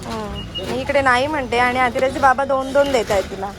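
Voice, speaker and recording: A young woman's voice sits high and runs a little fast as she vlogs casually during a shopping trip. She coaxes and scolds her little child while passing through a busy market outdoors and a shop, with market noise all around.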